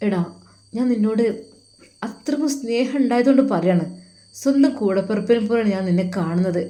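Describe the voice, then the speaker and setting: A woman's voice: a little high, expressive, brisk, natural voice. A woman voicing a young man who comforts and protects his close friend. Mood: earnest. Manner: gentle, comforting.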